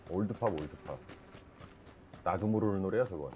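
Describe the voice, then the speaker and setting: Low voiced guy gaming w friends, calls out spots, lots of noise behind. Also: moderate pace, darkish tone. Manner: calls out positions and teases squadmates. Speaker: squad player. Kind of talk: casual gaming chat.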